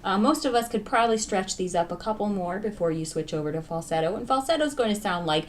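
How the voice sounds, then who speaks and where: A woman voice teacher leading a vocal warm-up lesson, explaining registers in a plain, instructive way. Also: medium pitch, expressive, fast, a little hiss or hum. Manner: instructive, talks over piano accompaniment. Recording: piano playing behind the voice. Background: piano.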